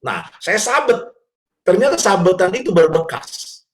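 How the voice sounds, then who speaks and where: A man telling family stories as a guest on a parenting talk show, animated and acting out scenes, with an Indonesian accent. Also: high voice, a little slow, crowd noise. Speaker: guest speaker, father.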